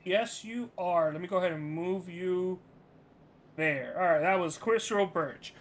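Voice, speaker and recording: A man with a fairly high voice presents a race livestream in a casual, informal way, as if thinking aloud. There is faint noise behind him. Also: a little slow. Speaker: race broadcast host.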